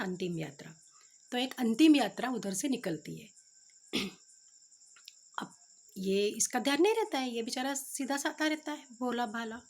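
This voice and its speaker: A woman telling a story to young children, animated and speaking directly to them. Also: fairly high pitch, breathy edge. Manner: animated, addresses young listeners.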